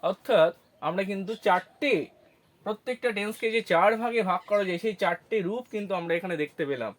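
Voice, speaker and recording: A man teaching an English grammar lesson, asking questions and answering them himself, spelling words out syllable by syllable. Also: high voice. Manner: slow, syllable-by-syllable explanations with self-answered questions.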